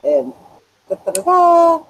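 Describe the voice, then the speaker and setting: A woman's voice: very high-pitched, wildly swooping pitch, takes it slowly, a little hiss or hum. A woman chatting casually over a video call, her voice muffled and hollow as if she were talking through a tube. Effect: muffled, hollow sound as if talking through a tube. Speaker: guest joining a video call. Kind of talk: casual chat.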